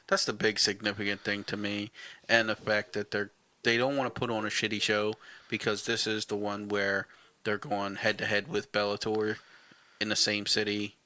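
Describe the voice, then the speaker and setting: A man's voice: on the low side, little pitch movement, moderate pace, pushed and bright. A man co-hosting a casual sports podcast, blunt and opinionated, swearing casually as he gives his takes. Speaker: podcast co-host.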